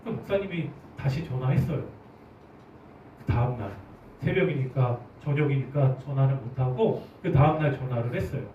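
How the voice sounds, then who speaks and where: A man preaching a sermon as pastor, animated, putting questions to his congregation. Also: medium pitch, moderate pace, a little hiss or hum. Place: church hall. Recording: roomy, distant, dull church recording.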